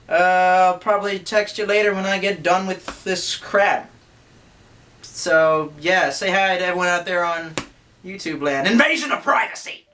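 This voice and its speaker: A man's voice: high-pitched, bright, forceful tone. A man leaving a rambling, profane voicemail for a friend in the middle of recording a video. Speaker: YouTuber reviewing a sword.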